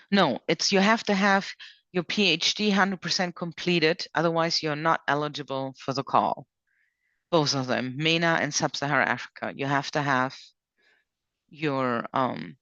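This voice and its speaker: A woman with a low-pitched, slightly bright voice hosts a relaxed online question session over a video call. She reads out the questions and goes through the rules step by step, and the dry recording has that dull online-call quality.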